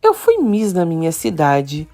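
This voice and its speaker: A woman's voice: on the low side, wildly swooping pitch, measured pace, dark tone, full character voice. A woman voicing a prim, vain woman who scolds and sounds prim.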